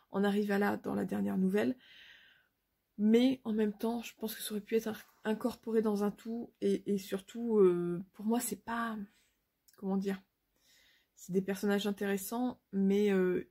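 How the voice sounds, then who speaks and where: Gravelly, husky French woman reviewing books. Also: mid-range voice, warm tone. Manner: hesitant, many fillers and restarts, frank. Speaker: book vlogger. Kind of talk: casual book review to camera.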